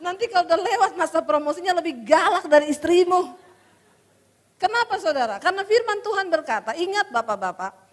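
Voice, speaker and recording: High-voiced woman preacher in a reverberant hall. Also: expressive, moderate pace, long pauses. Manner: emotional, addresses listeners as "saudara", swings from hushed to loud. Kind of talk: sermon with personal testimony.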